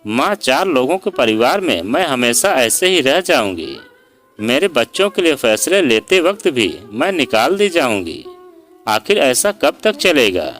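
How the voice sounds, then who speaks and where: A proud young daughter-in-law who is done staying quiet, as a male storyteller puts her on. She speaks slowly, with a voice that rises and falls a lot. Soft sitar plays behind her. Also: medium pitch, very animated, faint music behind. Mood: firm. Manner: sarcastic and pleading by turns. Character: hurt, outspoken young Indian daughter-in-law.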